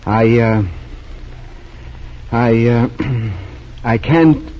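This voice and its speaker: An actor playing a kindly, restrained doctor with a gentle, hesitant, measured manner in 1940s radio drama style. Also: male voice, mid-range voice. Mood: resigned, tender. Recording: muffled old radio broadcast.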